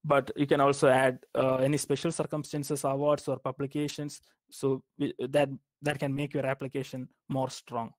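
A man's voice: medium pitch, little pitch movement, moderate pace, dry recording. A young man from Kerala, India, giving informal advice on graduate school applications, speaking hesitantly with many fillers and restarts. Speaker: guest speaker. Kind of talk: informal academic advice talk.

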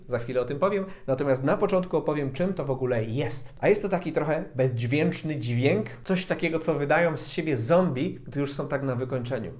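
A man giving a casual video lesson to camera as an English teacher, joking and talking straight to the viewer. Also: fairly high pitch. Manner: joking, addresses the viewer directly.

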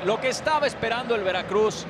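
A man giving emphatic, excited live football analysis as a match commentator. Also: very high voice, quick pace, crowd noise. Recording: loud stadium noise behind. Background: loud stadium ambience.

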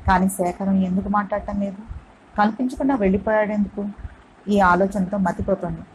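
A woman reading a novel aloud as an audiobook narrator, steady and expressive. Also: medium pitch, fairly quick, slight background noise, low-quality recording.

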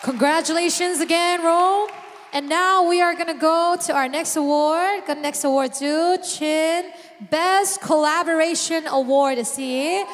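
Very high-voiced female awards host. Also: steady tone, measured pace. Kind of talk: stage announcing. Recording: long reverb of a large hall.

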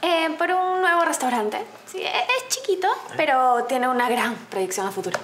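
A woman's voice: sits high, normal speed, slight background noise. A flustered young Peruvian woman. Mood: evasive. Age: young adult. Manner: flustered, lively, stammering. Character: young Peruvian woman hiding her lowly cook job. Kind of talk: TV sitcom acting.

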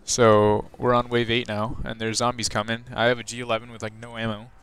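Teen guy, casual game-walkthrough narrator, smooth clear voice, rambling and filler-heavy delivery. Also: medium pitch, little pitch movement, fairly quick, a bit bright. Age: teens. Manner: rambling, loose, many fillers and restarts. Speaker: gaming video host. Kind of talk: casual gameplay walkthrough commentary.

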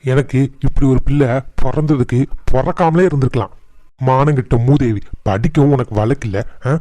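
A man voicing a stern, angry middle-aged father in a cartoon, shouting threats and scolding. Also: medium pitch, normal speed, no echo, lightly acted. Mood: furious.

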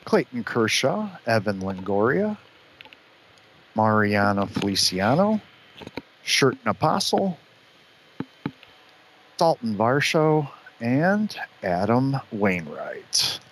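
A man's voice: mid-range voice, very animated, a little hiss or hum. A man hosting a live stream, casually chatting and naming each card as he opens packs. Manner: upbeat, names each card quickly with short reactions. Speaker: show host opening card packs. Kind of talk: casual chat, calling out cards.

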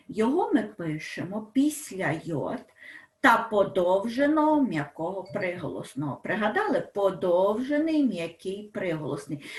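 A woman teaching a school language lesson, explaining slowly, stressing example words and asking her pupils questions. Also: mid-range voice, roomy sound.

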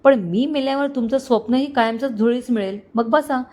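A woman voicing a cocky, scheming young male con man who speaks calmly and mockingly. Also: sits high, moderate pace, pitched above the performer's own voice, close to an everyday voice. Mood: smug. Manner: calm, mocking, smug.

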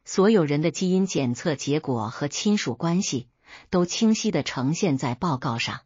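A woman reading a dramatic family story in the first person, at a steady, even storyteller's pace. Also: deep voice, moderate pace, slightly rough, no room sound, highs cut off. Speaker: narrator.

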